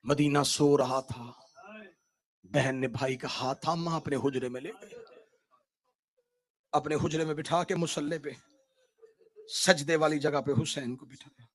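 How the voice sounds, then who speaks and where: A male religious orator reciting a mourning elegy in a tearful, wailing voice that swings between hushed lines and shouted peaks. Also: fairly high pitch, fairly even intonation, a little slow, pauses often.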